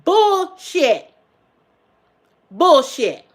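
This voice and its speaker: Very slow and sing-song, the woman in her fifties running this casual livestream talks emphatically to viewers. She repeats herself for effect, swears without restraint, and shifts between loud exclamations and murmured asides.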